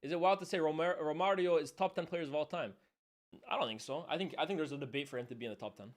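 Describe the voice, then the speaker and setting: A young man talking casually on a live watchalong stream, his voice sitting a little higher than most men's. He keeps it loose and chatty, dropping "bro" and "man" constantly and laughing as he calls the match. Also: fast. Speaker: streamer hosting a football watchalong.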